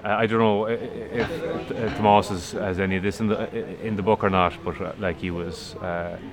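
A man with a west of Ireland accent, speaking in a halting, hesitant way in an informal interview. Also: lowish voice, steady tone. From Galway, west of Ireland. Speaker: event attendee being interviewed. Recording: crowd chatter behind the voice. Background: crowd chatter.

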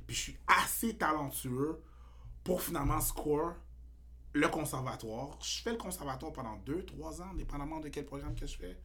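A man with a Québécois French accent, a comedian guest in a casual podcast chat, animated and mixing English slang into his talk, getting louder when worked up. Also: medium pitch.

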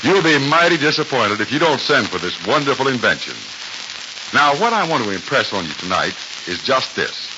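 A male radio announcer, heard on an old radio broadcast recording, eagerly pitching to children in 1940s style. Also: very animated, normal speed, highs cut off, noisy background.

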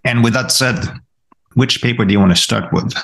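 A man's voice: medium pitch, a little fast, gravelly, a bit bright. A man co-hosting an academic discussion, thoughtful and full of restarts and repeated words. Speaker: podcast co-host, college professor.

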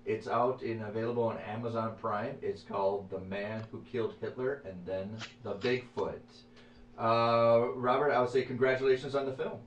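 A man hosting a casual interview podcast, talking in a friendly, easygoing way. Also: mid-range voice. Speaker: podcast host. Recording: roomy sound, far from the mic.

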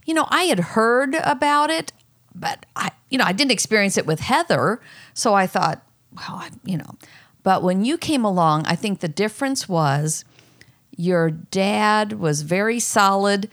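A middle-aged mother speaking candidly in a personal conversation, telling her own story earnestly and jumping high in pitch when she quotes herself. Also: expressive, unhurried, a bit bright.

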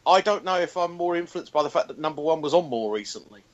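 A man's voice: on the high side, expressive, fast talker, lo-fi sound. A man co-hosting a review show, talking casually. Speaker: co-host of a TV review podcast. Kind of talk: casual discussion.

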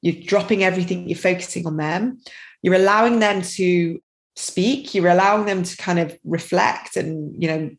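Middle-aged woman rambling on a podcast, kinda low voice, lots of "you know". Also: moderate pace, poor audio. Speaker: guest, tapping practitioner and parent. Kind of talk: casual podcast interview.

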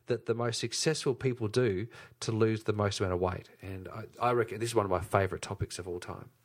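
A man's voice: fairly low pitch, steady tone, fast. A man co-hosting a casual health podcast, emphatic and repeating his key points. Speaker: podcast co-host.

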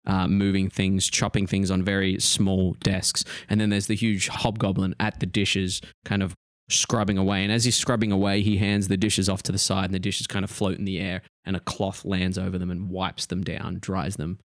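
Low-voiced man running a tabletop game. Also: level tone, normal speed, dry recording, studio quality. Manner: casual, descriptive. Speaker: game master. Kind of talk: improvised tabletop game narration.

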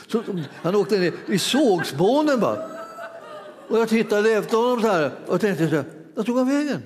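A man preaching in a reverberant hall, his voice a little higher than usual for a man. He talks in a loose, chatty way, laughs often as he tells his story, and restarts his sentences again and again. His delivery stays casual, like a conversation with the congregation. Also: animated, a little mellow, slight background noise. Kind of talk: sermon.

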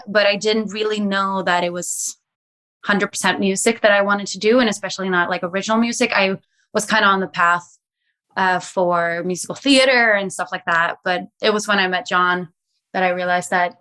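A woman's voice: medium pitch, moderate pace, pushed and bright. A young woman from Sweden, a musician guest telling her story in a chatty, enthusiastic way. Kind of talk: casual interview talk.

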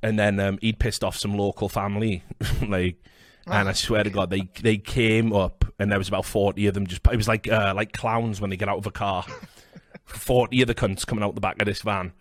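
Sweary, low-voiced British-slang storyteller, a man. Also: a little fast, no echo, studio quality. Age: 30s. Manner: sweary, blokey, animated storytelling with acted-out quotes. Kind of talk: casual chat, telling bar-fight anecdotes.

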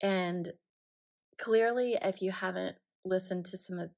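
A woman's voice: on the low side, steady tone, normal speed, creaky, a little mellow. A woman in her forties hosting her own podcast, speaking off the cuff in an emotional monologue, tearful and laughing with frequent restarts. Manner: emotional, laughing through tears, with many restarts. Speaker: podcast host. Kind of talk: unscripted personal monologue.

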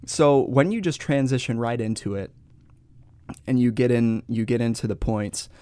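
Upbeat pastor talking easily. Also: male voice, mid-range voice, normal speed, warm tone, clean tone, no room sound. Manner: upbeat, acts out quoted people in livelier voices. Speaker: pastor, podcast co-host. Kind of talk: casual church podcast chat.

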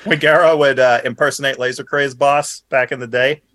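A man's voice: mid-range voice, steady tone, brisk. A man co-hosting a podcast over a remote call, telling old stories with a chuckle. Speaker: podcast co-host. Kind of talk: casual podcast chat.

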